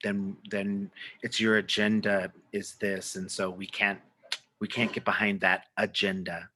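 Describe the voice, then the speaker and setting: A man speaking as a panelist on a video call in a halting way, restarting phrases. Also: lowish voice, little pitch movement, pushed and bright, breathy edge. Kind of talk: panel talk.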